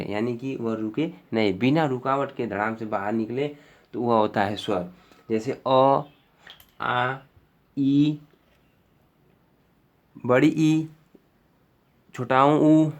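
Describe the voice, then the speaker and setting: A male teacher giving an exam-prep grammar lesson, explaining step by step and often repeating himself with fillers. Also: medium pitch.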